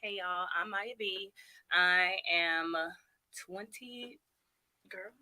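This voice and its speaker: A woman in her twenties, a dating show contestant, introducing herself in a joking, relaxed way. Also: mid-range voice, extremely slow. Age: 20s. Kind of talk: casual chat.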